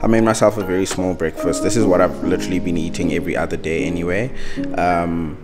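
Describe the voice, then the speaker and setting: A man's voice: deep voice, steady tone, fast, loud music behind the voice. Chatty young man vlogging. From South Africa. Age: young adult. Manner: chatty, self-joking, rambling asides. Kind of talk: casual vlog chat to camera. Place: home indoors, then an outdoor farm venue. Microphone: camera held at arm's length.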